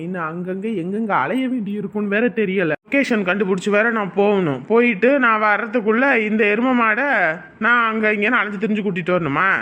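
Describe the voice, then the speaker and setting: Brief: bright-toned performer as a bickering elder son, whiny and quick to blame, family comedy sketch. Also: mid-range voice, close to an everyday voice. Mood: grumbling. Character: jealous, complaining young man, elder son.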